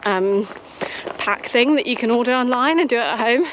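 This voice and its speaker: A woman's voice: a little high, normal speed, highs cut off. A young British woman chatting casually to camera while out on a run outdoors. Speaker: running vlogger. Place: outdoors on a frosty countryside trail. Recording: noisy outdoor audio with clicks.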